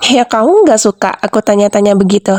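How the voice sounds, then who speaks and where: A woman's voice: mid-range voice, lively intonation, quick pace, a little mellow, dry recording, studio quality, natural voice. A young woman voicing a clingy, manipulative wife in an ASMR role-play, doting at first and then questioning and defensive.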